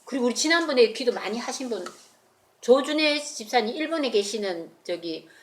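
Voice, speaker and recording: A woman's voice: on the high side, normal speed. A woman telling a Bible story in a children's sermon and asking the children questions. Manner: animated, asks the children questions.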